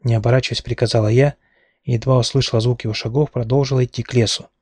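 Man narrating an audiobook, husky voice, dry close sound, measured reading. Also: mid-range voice, steady tone, a little mellow, dry recording. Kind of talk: first-person novel narration.

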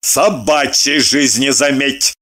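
Someone doing a slow, irritable fussy husband. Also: male voice, medium pitch, dry recording, clean studio sound, close to an everyday voice. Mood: irritated. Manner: sharp, clipped retorts through gritted teeth. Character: fastidious, irritable middle-aged husband, squeamish about dirt. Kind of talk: storybook reading.

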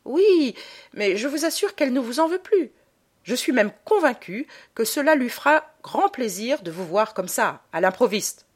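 A woman's voice: a little high, very animated, normal speed, breathy edge, pitched above the performer's own voice. A woman playing an awkward, scheming husband who speaks in an embarrassed, coaxing way, in a storybook reading. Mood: insistent.

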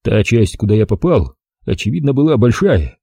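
A man narrating a detective novel as an audiobook in the first person, in a calm, wry manner. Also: medium pitch, normal speed, gravelly, husky, no room sound. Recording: dry close audiobook recording.

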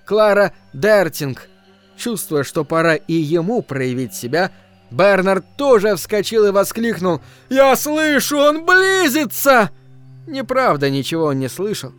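A man narrating an audiobook in a dramatic, expressive reading style. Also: sits high. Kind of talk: scripted narration.

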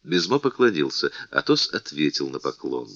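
A man narrating an audiobook in an expressive, theatrical reading style. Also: rumbling low, moderate pace, no room sound, highs cut off. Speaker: audiobook reader.

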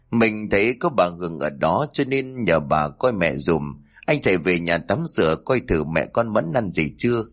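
A man narrating a family story in a steady, plain reading voice. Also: low voice.

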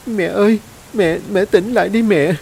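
A man's voice: high-pitched, moderate pace, vocal fry, a little mellow, a little hiss or hum, voice pushed up. Man doing a small terrified child's voice. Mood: pleading tearful. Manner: pleading, tearful. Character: small frightened child crying for its mother.

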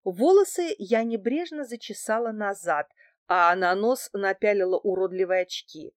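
A woman narrating a first-person audiobook in an even, measured way. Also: mid-range voice, dry recording, studio quality.

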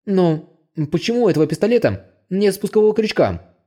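A man's voice: high-pitched, sing-song, fairly quick, mellow, pitched above the performer's own voice. A man voicing a sneaky, greedy young male thief in an audiobook, snickering and scheming under his breath. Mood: smug. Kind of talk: audiobook character voice.

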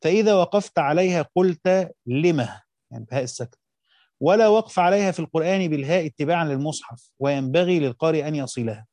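A man's voice: a little high, fast, a little mellow, no echo. An Egyptian man teaching a lesson, reading passages from a classical text aloud and explaining them in colloquial speech.

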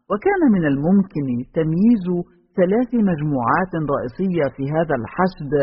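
A man with a somewhat high, husky voice reads a novel aloud at a steady pace. His recording sounds dull and carries a long, hollow reverb. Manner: steady narrating voice that also voices each character. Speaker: audiobook reader.

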